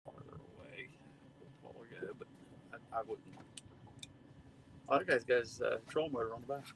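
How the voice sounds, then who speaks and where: A man's voice: mid-range voice, moderate pace, vocal fry, a bit bright, a little hiss or hum, rough recording. A man in his fifties chatting casually with fishing buddies on a boat. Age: 50s. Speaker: fishing partner. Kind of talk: casual chat.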